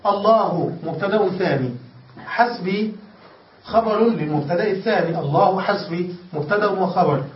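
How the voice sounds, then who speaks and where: Speaking at a normal speed in a high-pitched voice, a male grammar teacher teaches his class step by step, restating ideas and regularly checking that students keep up. The room is echoey and the mic is distant and lo-fi.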